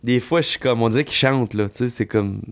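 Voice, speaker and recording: Male country singer, Quebec French accent, mid-pitched, chatty guest who laughs through his anecdotes. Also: quick pace. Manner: animated storyteller, laughs, drops into impressions. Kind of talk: casual podcast chat.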